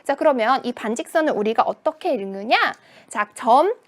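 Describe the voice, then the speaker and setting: A woman's voice: a little high, animated, normal speed. A woman teaching a children's math lesson, asking questions and answering them in a playful voice. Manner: sing-song, questions and answers to herself.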